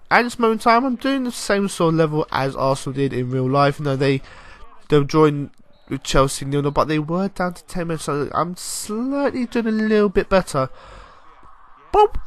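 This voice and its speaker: Young guy commentating his football game, chatty and excitable, a touch high-pitched, dry sound. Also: no room sound. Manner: chatty, rambling, excitable bursts, mild swearing. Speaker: gaming YouTuber.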